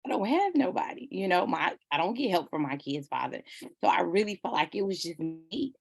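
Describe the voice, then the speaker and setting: A woman's voice: lowish voice, expressive, moderate pace, creaky, dry recording, clean studio sound. A woman candidly telling an emotional personal story in a conversational way. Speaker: guest speaker.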